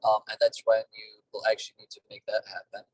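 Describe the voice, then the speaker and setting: A man talking over a car speakerphone while driving, a business owner giving plain, halting explanations in a casual interview. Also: lowish voice, completely flat delivery, a little mellow, slightly rough. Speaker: duct cleaning business owner, guest. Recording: distant car speakerphone call.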